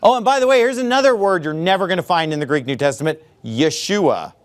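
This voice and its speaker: Delivering a sermon in a church, this middle-aged pastor has a high, lively voice that jumps around as he hammers home each point. He's sarcastic and emphatic, erupting loudly on single words, and his tone is clear and resonant at a quick pace.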